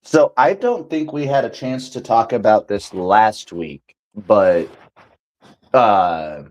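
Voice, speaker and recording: A man's voice: lowish voice, a little mellow. Swearing, laughing male podcast co-host. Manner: laughs hard, swears freely. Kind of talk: casual podcast chat.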